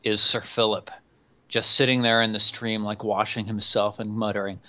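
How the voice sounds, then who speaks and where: Casual game master, bright tone, filler-heavy narration. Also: male voice, on the low side, level tone, normal speed.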